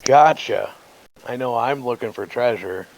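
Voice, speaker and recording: Gravelly man asking curious questions. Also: medium pitch, a little slow, low-quality recording. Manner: casual, curious, asks lots of questions. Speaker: player. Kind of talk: casual tabletop game play.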